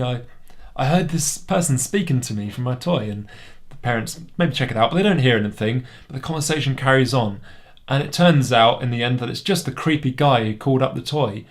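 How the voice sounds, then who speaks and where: British man, toy reviewer, casual rant, wry, sceptical, mid pitch, home room. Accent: British English.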